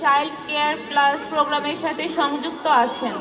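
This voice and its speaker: Very high-pitched woman interpreting live. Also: level tone, fast talker, recorded from a distance. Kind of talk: live consecutive interpreting to an audience. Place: large room with an audience. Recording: echoey room from afar, muffled, crowd noise.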